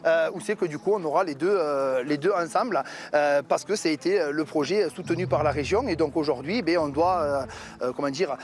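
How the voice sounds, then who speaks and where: A middle-aged man, a farmer running a farm cabaret, talking loudly and heatedly in an interview. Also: fairly high pitch, a little fast. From Italian descent. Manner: loud, talks with his hands.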